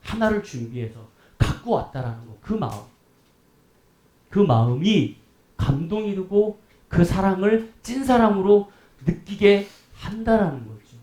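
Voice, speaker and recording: A man's voice: high-pitched, a little slow. A male pastor preaching a sermon, telling stories and acting out the voices of the people in them. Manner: animated storytelling, acts out quoted voices. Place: church hall. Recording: echoey church room.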